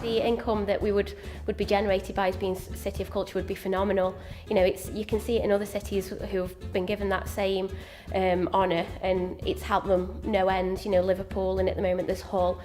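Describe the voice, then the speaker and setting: A woman's voice: mid-range voice, flat delivery, a little fast, few pauses, mellow, soft background music. A woman giving an emphatically worded interview answer.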